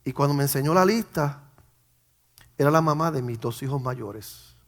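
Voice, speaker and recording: A man's voice: mid-range voice, expressive, normal speed. A middle-aged man, a pastor, telling a personal story in an emotional way and often repeating words. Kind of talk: personal testimony.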